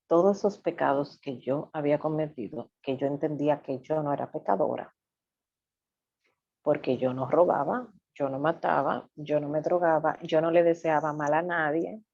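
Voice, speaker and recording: A woman's voice: deep voice, darkish tone, no echo, dull audio. A woman sharing a personal faith testimony in an earnest, confessional way, repeating phrases for emphasis. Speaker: church member giving testimony.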